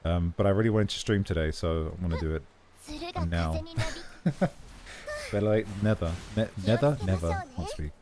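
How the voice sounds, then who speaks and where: While livestreaming a game, a man chats casually, rambling and correcting himself along the way. His scratchy voice sits low, with a moderate pace and long pauses. Faint game music plays behind him.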